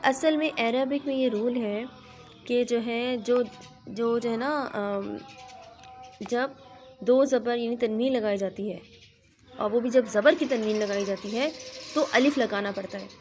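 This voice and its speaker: A woman's voice: a little high, a little slow, a little mellow, faint music behind. A woman, teaching a Quran reading lesson to a child in a patient, explanatory way, checking in often. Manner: patient, explanatory, frequent "theek hai" check-ins.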